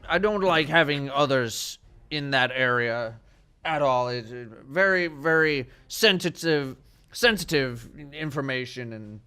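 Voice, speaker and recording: A man's voice: mid-range voice, expressive, sharp tone, clean tone. Man voicing a stammering, polite giant. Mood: polite, halting. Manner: halting, stammering, repeats words, drawn-out polite phrasing. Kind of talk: tabletop role-play acting.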